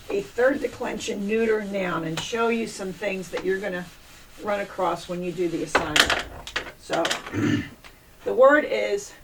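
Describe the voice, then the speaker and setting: Slow, patient woman teaching Latin. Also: medium pitch. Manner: patient, repeats and drills endings aloud. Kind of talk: classroom lecture at a board. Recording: distant mic with faint room noise.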